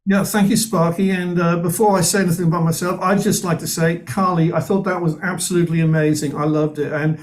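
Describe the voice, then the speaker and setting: A man's voice: a little high, level tone, a little fast, hardly any pauses. A man from Wales, chatting enthusiastically as a musician guest. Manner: enthusiastic, chatty, repeats himself. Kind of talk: casual video-call chat.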